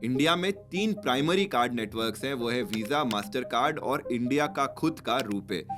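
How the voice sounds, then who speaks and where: Indian-accented man, mid-range pitch, brisk scripted explainer host, faint background music. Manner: brisk Hindi-English mix with lively emphasis.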